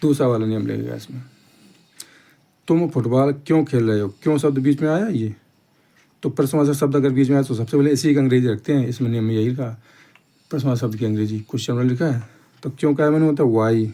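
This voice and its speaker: Step by step, a man teaches grammar in a mellow, mid-range voice. He goes slowly, says each point more than once, and keeps asking the class "theek hai."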